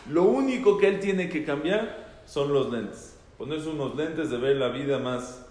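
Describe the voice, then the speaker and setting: A man's voice: on the high side, unhurried, darkish tone. A man, teaching an informal religious class to a group. He talks conversationally, repeats phrases for emphasis and asks his listeners questions. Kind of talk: informal Torah talk to a group. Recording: echoey hall with long reverb.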